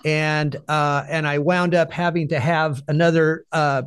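A male podcast host telling a story bluntly, with profanity and animated emphasis. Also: a little high, a little slow, smooth. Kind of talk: conversational podcast interview.

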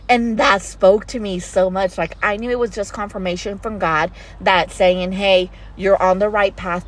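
A middle-aged woman hosting a motivational faith podcast, speaking earnestly and preachily and often checking in with "right?". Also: on the high side. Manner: earnest, preachy, repeats phrases and asks "right?". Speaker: podcast host.

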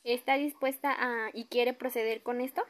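A high-pitched female official with a Mexican accent , acted by a woman in a role-play. She has a formal, courteous customer service voice. She asks things politely and procedurally. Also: steady tone, moderate pace, close to an everyday voice.

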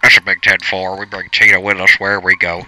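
A man's voice: sits low, completely flat delivery, fast, sharp tone, low-quality recording. A man improvising a comedy sketch in a teasing, playful way. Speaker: comedy podcast co-host.

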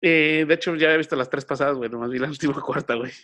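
A man with a Mexican accent chatting casually as a podcast co-host, full of slang and putting on quick voices in quotes. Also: a little high, fairly bright tone. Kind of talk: casual chat.

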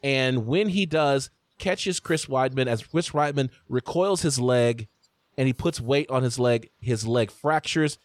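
Male podcast host, mid pitch, animated storyteller, dry close sound. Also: unhurried, no room sound. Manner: animated, talks through stories with restarts. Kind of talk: casual sports chat.

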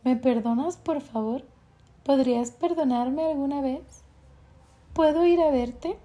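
A woman reading as a crying young girlfriend begging forgiveness, high and pleading, for an audiobook. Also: a little slow, warm tone. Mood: tearful pleading.

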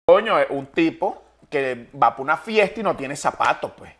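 A man's voice: a little high, animated, moderate pace, over loud music. A Venezuelan man, a comedian, telling jokes in casual chat and acting out the people in them with shifting voices. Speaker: comedian guest.

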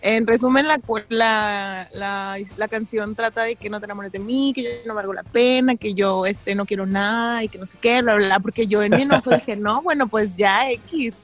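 A woman's voice: mid-range voice, moderate pace, hardly any pauses, faint music behind. A woman, a podcast co-host chatting casually in a teasing, playful way. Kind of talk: casual chat.

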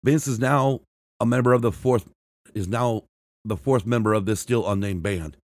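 A man with a lowish voice reads a band's history for his podcast, recorded close and dry with no room sound. He often trips over words and restarts them, and he marks every quotation aloud. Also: normal speed, a little mellow, no room sound. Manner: reads from a script with frequent restarts and self-corrections; marks quotes aloud with "and I quote" and "end quote". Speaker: podcast host. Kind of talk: read-aloud music history narration.

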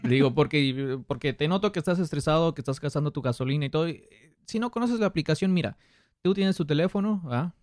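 A man's voice: a little high, fast talker, no echo, studio quality. A man with a northern Mexican accent chatting casually as a podcast host, telling anecdotes in street slang and acting out what people said. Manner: animated retelling with acted-out quotes and street slang.

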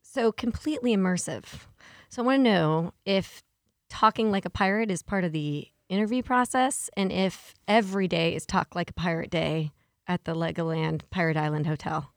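A woman's voice: fairly low pitch, normal speed, no room sound, clean studio sound. Upbeat woman hosting a podcast. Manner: chatty, upbeat, playful. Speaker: podcast host. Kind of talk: casual podcast interview and read sponsor spot.

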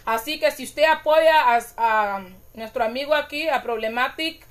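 A woman hosts a casual live stream, speaking in a high voice. She is animated and chatty, and she laughs at her own stumbles as she reads comments to her viewers. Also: normal speed. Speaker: channel host reading live comments.

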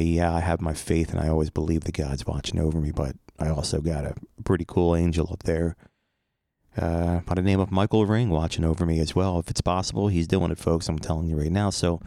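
A man's voice: low-pitched, vocal fry, mellow, no room sound, clean studio sound. A man with an American accent hosting a podcast in a casual, earnest, reflective monologue. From United States. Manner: conversational, earnest. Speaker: podcast host.

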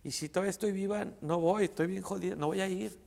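A woman's voice: mid-range voice, fast talker, vocal fry, darkish tone, in a large hall, voice pushed up. A man doing a stubborn dying old mother. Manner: breathless, insistent refusal.

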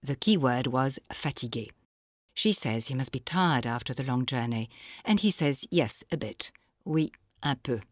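A woman narrating a scripted audio language lesson, explaining phrases slowly and clearly for the listener to repeat. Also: extremely low pitch, expressive, no echo, studio quality. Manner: slow, clear teaching delivery with pauses for repetition.

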